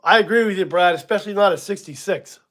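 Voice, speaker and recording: Speaking quickly in a high, fairly bright voice, a sixty-something man hosts an easygoing live stream. He drifts a bit as he talks, chuckles at himself, leans on plenty of ums, and addresses viewers by name.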